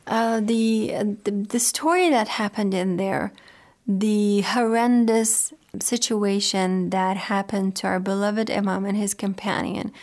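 A woman radio host, not a native English speaker, giving a talk on religious literature in a halting, hesitant way with drawn-out words. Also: medium pitch, a little mellow.

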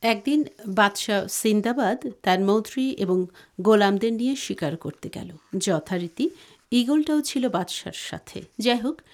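A woman co-hosting a radio program and narrating a folktale in a steady, even voice. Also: medium pitch. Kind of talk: storytelling narration.

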